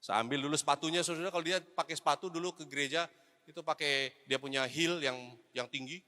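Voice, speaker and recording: A middle-aged male evangelist delivers a sermon in a church hall, his voice bright and forceful, sitting a little high. Long reverb trails each phrase. He moves from loud urging to quiet, confessional storytelling. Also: fast. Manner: personal storytelling, mixes English phrases, addresses "saudara"; swings between loud exhortation and hushed confession. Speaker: evangelist preacher.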